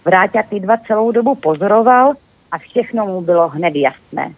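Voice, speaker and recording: A guest author in a lively, animated reading of a children's story over a phone line. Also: medium pitch, no echo.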